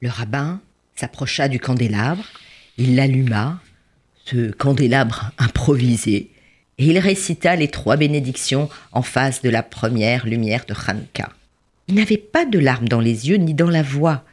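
A storyteller narrating a tale with expressive, lively delivery. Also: mid-range voice, a little slow, husky.

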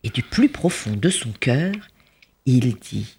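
A storyteller narrating a tale with expressive, lively delivery. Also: medium pitch, slow pace, slightly rough.

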